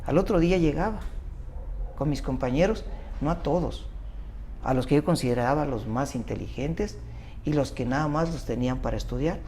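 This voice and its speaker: An older man with a Mexican accent, a doctor appearing as an interview guest, tells his life story in a rambling way, interrupting and correcting himself as he goes. His voice is medium-pitched and warm at a normal speed, with a little hiss or hum on the recording.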